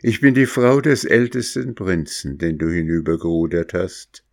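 A man's voice: deep voice, animated, normal speed, vocal fry. A man voicing a brave young princess disguised as a man, in a storybook reading. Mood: earnest. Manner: earnest, pleading.

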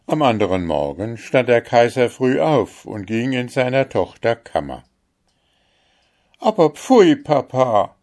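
Man reading an old fairytale, slow and kinda low, calm. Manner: slow, measured storytelling. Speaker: storyteller.

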